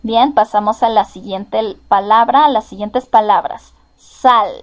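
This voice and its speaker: A woman with a Mexican accent giving a slow, careful lesson, patiently repeating each example sentence. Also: mid-range voice. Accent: Mexican Spanish. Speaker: teacher. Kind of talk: slow, careful classroom explanation.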